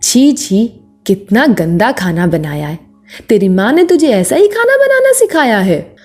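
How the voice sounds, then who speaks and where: A woman's voice: fairly high pitch, sing-song, measured pace, darkish tone, soft background music. A woman voicing a harsh, bossy middle-aged mother-in-law in a storybook, scolding and contemptuous.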